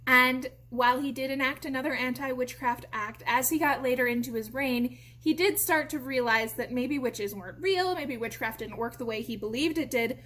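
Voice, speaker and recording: Lively American woman explaining. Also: sits high, normal speed, few pauses. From United States. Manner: lively explanatory delivery with frequent fillers. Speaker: theatre company educator. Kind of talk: informal educational talk.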